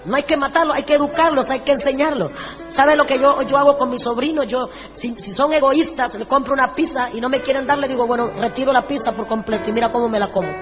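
A woman preacher telling lively, humorous stories in a sermon, acting out the dialogue. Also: high voice, fast. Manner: animated, humorous, acts out dialogue. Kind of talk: storytelling sermon. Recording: echoey hall, dull sound, music behind.

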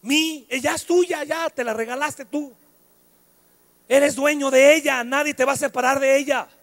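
A middle-aged man with a Mexican accent preaching a sermon, switching between shouted, singsong passages and quiet storytelling. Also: very high-pitched, fairly even intonation, normal speed, no room sound.

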